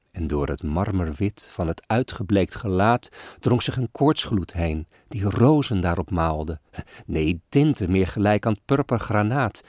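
Give me a man reciting verse slowly and solemnly in a low voice. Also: no echo, clean studio sound. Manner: slow, solemn and expressive with old-fashioned verse. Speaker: reader. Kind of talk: dramatic poetry recitation.

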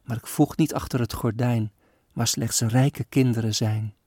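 A man voicing a feverish, frail poor little girl who pleads softly in a storybook poem. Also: medium pitch, steady tone, measured pace, dry recording, clean studio sound, close to an everyday voice. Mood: pleading.

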